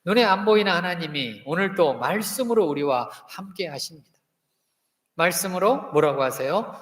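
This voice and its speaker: A man's voice: sits high, expressive, normal speed. A pastor in his fifties preaching a sermon, often putting questions to the congregation and having them repeat lines after him. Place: church sanctuary. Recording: echoey hall with long reverb.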